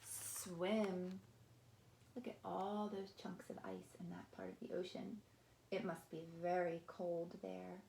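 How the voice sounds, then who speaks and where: A woman speaking in a kindergarten teacher voice, reading and explaining a picture book to young children in simple phrases with deliberate pauses and emphasis. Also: lowish voice, expressive, gravelly, mellow. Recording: roomy echo, faint background noise.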